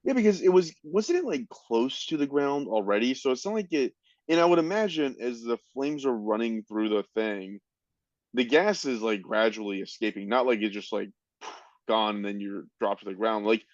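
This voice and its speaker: A man's voice: mid-range voice, lively intonation, moderate pace, no echo. A man co-hosting a podcast in casual chat, easygoing and reacting to his partner. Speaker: podcast co-host. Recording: slightly dull lo-fi mic.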